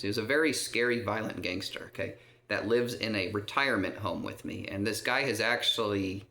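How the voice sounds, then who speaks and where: A man's voice: lowish voice, bright, forceful tone. A man telling a long personal story in a rambling way, often stopping to check in with his listener and filling gaps with "um". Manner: rambling, checks in with repeated "okay?" and many "um"s. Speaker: vlogger. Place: resident's room in a care home. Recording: roomy echo.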